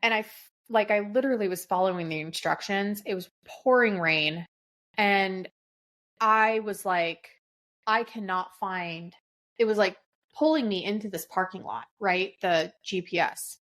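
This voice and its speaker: A middle-aged woman telling a story in casual chat, animated and swearing freely as she acts out what people said. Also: medium pitch, measured pace. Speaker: podcast co-host.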